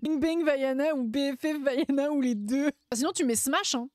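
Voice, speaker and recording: A woman's voice: high voice, normal speed, darkish tone, no room sound, studio quality. A woman streamer chatting casually and playfully, laughing often and using lots of slang. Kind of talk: casual live-stream chat.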